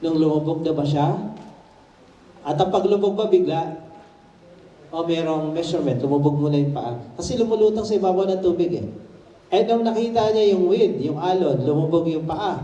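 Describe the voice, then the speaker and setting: A man preaching a sermon as pastor, telling a story with lively animation and shouting at the high points. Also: normal speed, muffled recording. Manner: animated storytelling preacher, mixing Tagalog and English, rising to shouts. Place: church hall. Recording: echoey church room, mic at a distance.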